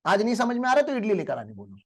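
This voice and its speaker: A man's voice: high-pitched, huge pitch swings, rapid-fire. A male teacher giving a motivational lecture in a classroom, telling stories and asking the class rhetorical questions.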